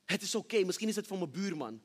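A man preaching a sermon testimony on a church stage, moving from hushed storytelling to loud, shouted praise. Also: high-pitched, expressive, fast talker. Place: church stage with reverberant hall. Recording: long hall reverb.

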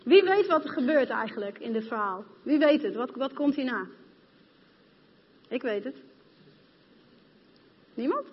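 Brief: female preacher, fairly high voice, passionate and direct with the congregation, long hall reverb, dull recording. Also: expressive, a little slow, long pauses, breathy edge. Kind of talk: sermon. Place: church hall.

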